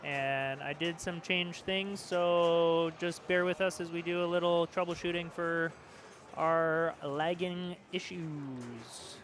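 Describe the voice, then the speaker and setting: Man co-commentator, slightly high voice, chatty pinball play-by-play, laughs a lot. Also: steady tone, takes it slowly, fairly bright tone, slight background noise. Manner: chatty, self-deprecating, laughs often. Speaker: co-commentator at a pinball tournament stream. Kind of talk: casual live play-by-play commentary. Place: pinball arcade bar.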